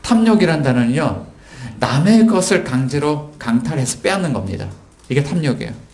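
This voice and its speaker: A man preaching a sermon as pastor, telling stories and acting out quoted lines with sudden jumps in pitch. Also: lively intonation, fairly quick, darkish tone. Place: church sanctuary. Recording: echoey church hall.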